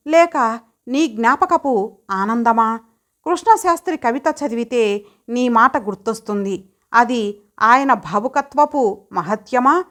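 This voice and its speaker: Woman doing young wife figure, playful, teasing, quick-tempered, lilting, higher voice. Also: a bit bright.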